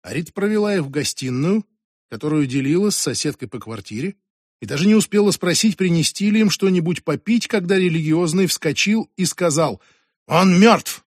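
A man reading a novel aloud in a measured, even way. His voice sits a little higher than most men's, recorded close and dry on a studio microphone. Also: dry recording. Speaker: audiobook reader. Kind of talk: scripted narration.

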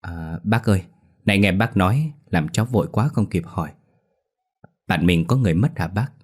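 A man's voice: deep voice, lively intonation, normal speed, darkish tone, breathy edge. A man voicing a curious young man who asks a lot of questions in a ghost story.

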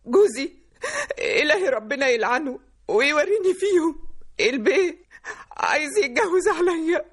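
A woman's voice: high voice, expressive, fairly quick. An actress playing a distraught, crying middle-aged mother who speaks with an Egyptian accent in a radio drama. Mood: sobbing. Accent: Egyptian Arabic. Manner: sobbing, wailing complaints. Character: distraught middle-aged mother, sobbing over her husband.

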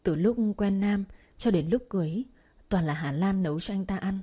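A woman reading a romance audiobook aloud in a calm, even narrating voice. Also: medium pitch, moderate pace, slightly rough.

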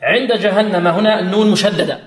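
A man's voice: high voice, fairly even intonation. Man teaching recitation in an echoey hall. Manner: explains rules with quiz-like questions, chants verses slowly. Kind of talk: tajweed lesson with chanted recitation.

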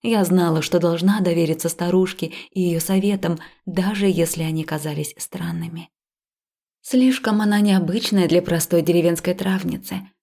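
A woman narrating a first-person audiobook in a calm, even reading. Her low voice has a gravelly edge and a dark, mellow tone. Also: normal speed.

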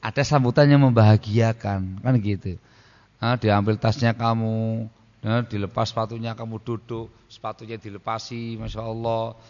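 A man's voice: fairly low pitch, flat delivery, moderate pace, a little mellow, big-room sound, lo-fi sound. A man preaching on marriage to an audience, conversational and prodding them with questions, sometimes acting out what a spouse would say. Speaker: Islamic preacher. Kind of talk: religious lecture on marriage.

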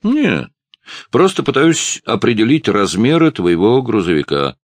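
A man's voice: lowish voice, very animated, unhurried, voice pushed up. Man playing a sly probing crook. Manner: casual, probing questions.

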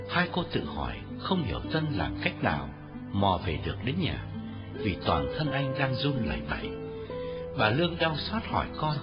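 A man narrating a novel as an audiobook in an expressive storytelling reading. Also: mid-range voice. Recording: dull lo-fi recording with faint music.

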